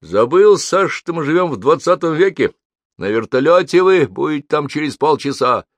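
A man voicing a jovial, confident friend in an audiobook, easygoing and sure of himself. The voice is lifted well above the reader's own deep tone. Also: sing-song, normal speed, dry recording, clean studio sound. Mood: breezy. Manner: breezy, confident. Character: calm, jovial male friend of the doctor.

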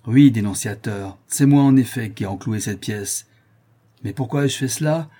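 A man's voice: on the low side, moderate pace, warm tone, slightly rough. A man voicing a proud sailor who answers an accusation with indignation in a storybook reading. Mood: indignant. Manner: indignant, defiant.

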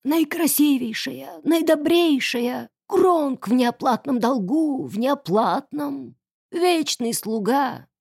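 A woman voicing a grubby male beggar who grovels and wheedles in a whining, drawn-out way. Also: high-pitched, animated, vocal fry, darkish tone, husky, dry recording, clean studio sound, exaggerated voice. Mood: groveling. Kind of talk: audiobook character voice.

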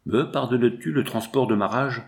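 A man's voice: medium pitch, normal speed, natural voice. A man voicing a middle-aged tyrant prince, anguished and accusing himself.

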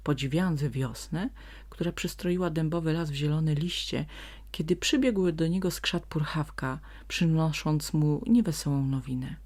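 A woman storyteller reading a bedtime story in a gentle, restrained recitation. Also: sits low, moderate pace.

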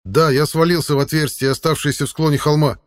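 Young viking captive, voiced by a man, high tense voice, strained, defiant, storybook. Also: fairly even intonation, fast talker, lightly acted. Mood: defensive.

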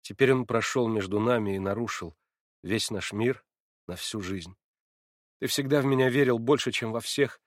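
Brief: male reader as a weary, reproachful young woman, soft, dry recording. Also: mid-range voice, moderate pace, no echo, lightly acted. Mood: sorrowful.

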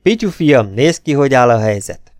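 A man voicing a flippant young adventurer in an audiobook, teasing and matter-of-fact with a lively lift. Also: mid-range voice, no echo, studio quality, lightly acted. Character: cocky, flippant young adventurer, cynical charmer. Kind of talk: audiobook character voice.

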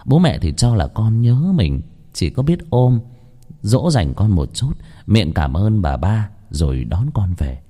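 A man narrating a horror story in lively, colloquial storytelling. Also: lowish voice, a little slow.

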